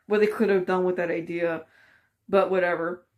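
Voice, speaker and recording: A woman's voice: on the low side, steady tone, moderate pace. A woman vlogger giving a casual, rambling opinion rant, frustrated and full of fillers.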